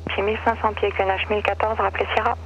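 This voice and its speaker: A man working as an air traffic controller, heard over an aviation radio and giving clearances in clipped, formal phrasing. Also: high-pitched, flat delivery, very fast, dull audio. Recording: noisy radio heard in a cockpit.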